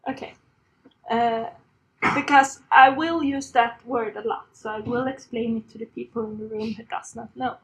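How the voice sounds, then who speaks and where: A woman's voice: fairly high pitch, fairly even intonation, normal speed, fairly bright tone, rough recording. A woman in her thirties from Sweden with a Swedish accent, giving a chatty, self-deprecating conference talk with frequent laughs. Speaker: conference speaker. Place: conference room on a stage.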